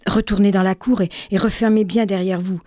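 A woman voicing a young enchanted maiden who speaks softly and with quiet composure, in a read fairy tale. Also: medium pitch, fairly even intonation, brisk, no echo, studio quality, lightly acted. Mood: urgent. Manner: soft, composed, faintly sad. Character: enchanted young maiden, pale, calm and wise.

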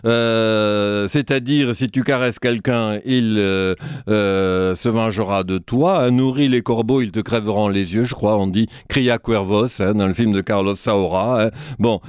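Recorded dry in a clean studio, a man with a smooth, lowish voice offers thoughtful commentary for a broadcast series. He speaks like a professor, sprinkling in asides such as "hein" and "vous voyez" and relishing puns and quotations.

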